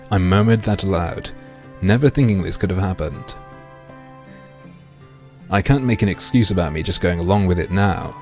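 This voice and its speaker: Man, very low voice, livestream headset mic, crude deadpan jokes, faint music behind. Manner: crude, joking, deadpan boasts. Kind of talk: casual livestream chat and reading a game aloud.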